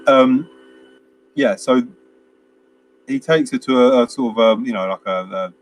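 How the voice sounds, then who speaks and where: Unhurried and mid-range in pitch, this co-host talks casually about films over slight background noise. He rambles with plenty of fillers and restarts and acts out quotes.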